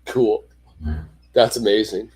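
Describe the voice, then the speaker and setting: A man's voice: lowish voice, level tone, slow pace, mellow, husky. A man chatting casually on a livestream as a host, with a teasing, wry manner. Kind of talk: casual group chat on a livestream.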